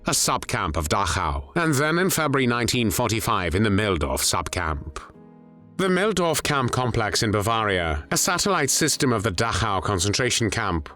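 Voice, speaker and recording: A man reading scripted documentary narration in a grave, measured way. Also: lowish voice, bright, forceful tone. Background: faint music.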